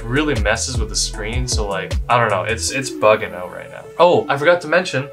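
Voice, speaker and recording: A young man hosting a challenge video in casual, joking, rambling vlog chat at his desk. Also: medium pitch. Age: young adult. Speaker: host of a reaction challenge video. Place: small indoor desk setup. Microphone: desk mic near the speaker.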